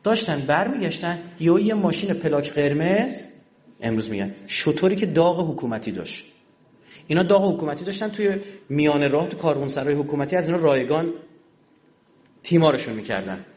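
A man telling religious history as a lively story, acting out each quoted exchange. His voice sits fairly high and swings widely in pitch. It comes through a dull, lo-fi recording. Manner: animated storyteller who acts out quoted dialogue. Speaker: religious lecturer.

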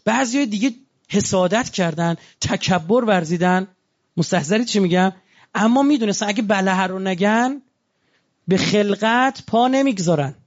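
A man's voice: sits high, highs cut off. A man preaching a religious sermon in a conversational way, asking his listeners rhetorical questions.

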